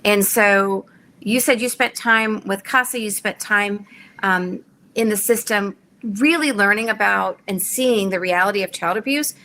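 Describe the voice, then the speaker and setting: A woman hosts an interview, asking earnest, carefully measured questions built on figures she has looked up. Her voice is bright and crisp, with faint noise behind her. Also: medium pitch. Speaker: show host.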